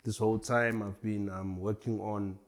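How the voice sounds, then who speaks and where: A man's voice: on the low side, little pitch movement, normal speed. A man in his forties from Tanzania, a hip hop artist chatting as a guest in a casual interview, laid-back and rambling. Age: 40s.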